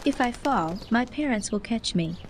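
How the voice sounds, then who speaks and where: A reflective narrator in a video game, musing on life and growing up in scripted lines. The voice is a little higher than usual. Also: female voice, expressive, a little slow, a crowd in the background. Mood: calm, reflective.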